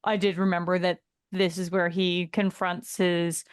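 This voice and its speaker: A woman's voice: on the low side, little pitch movement, a little slow, clean tone, no echo, studio quality. A woman co-hosting a podcast in casual chat, laughing often as she talks. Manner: giggly, laughs often while talking. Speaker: podcast co-host.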